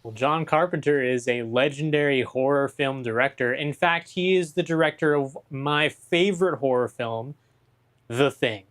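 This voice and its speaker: Relaxed male gaming podcast co-host. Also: mid-range voice, normal speed. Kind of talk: casual gaming chat.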